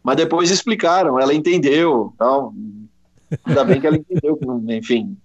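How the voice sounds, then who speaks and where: A Brazilian sports journalist, a man, telling an animated anecdote in a casual interview, quoting voices along the way. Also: on the high side, moderate pace, breathy edge. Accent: Brazilian Portuguese. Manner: animated anecdote with quoted voices, many restarts. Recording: slightly dull lo-fi audio.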